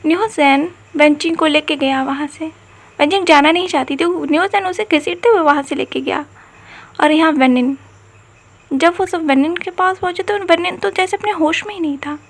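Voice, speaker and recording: A woman's voice: extremely high pitch, normal speed. A woman narrating a fan story in an earnest, emotional way, often repeating herself.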